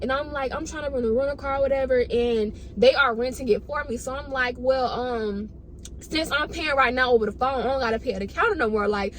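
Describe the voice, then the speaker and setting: A fairly high-voiced woman tells her story in a casual, slangy way. She is animated and dramatic, repeating phrases to drive points home. Some noise runs behind her voice. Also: fairly quick. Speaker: storytime vlogger. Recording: noticeable background noise.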